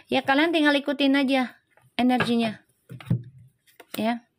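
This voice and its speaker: A woman's voice: high voice, steady tone, unhurried. A woman tarot reader, hosting a live stream in a casual, chatty way, teasing viewers and greeting them by name.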